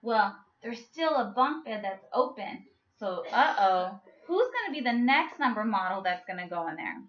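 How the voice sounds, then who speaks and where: A woman's voice: mid-range voice, big pitch swings, normal speed. A woman teaching a children's math lesson through a story, playful and coaxing, stretching out her words. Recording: echoey room with a muffled sound.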